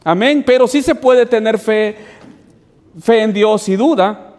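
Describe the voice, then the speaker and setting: A man's voice: high voice, unhurried, a little mellow. A man preaching as a pastor, addressing the congregation as brothers and asking rhetorical questions. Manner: preaching with repeated "hermanos" asides and rhetorical questions. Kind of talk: sermon. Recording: long hall reverb.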